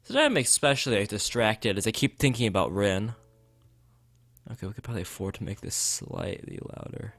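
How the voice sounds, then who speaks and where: A man streams a visual novel, chatting casually and reading the on-screen text aloud, occasionally stumbling over and repeating phrases. His voice is on the low side yet fairly bright, animated and brisk, with game music playing behind him.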